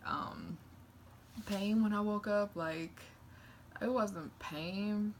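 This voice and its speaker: A woman's voice: mid-range voice, extremely slow. A young woman vlogging in a casual, candid, rambling chat to camera. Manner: candid, rambling, animated retelling with acted-out quotes. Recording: noticeable background noise.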